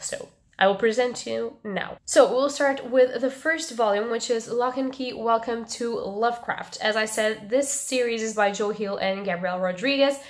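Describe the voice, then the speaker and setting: A young woman with a stuffed, nasal voice and little voice left, chatting casually in a book review vlog and pausing to breathe. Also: fairly high pitch. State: stuffed nose, losing her voice. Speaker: book vlogger.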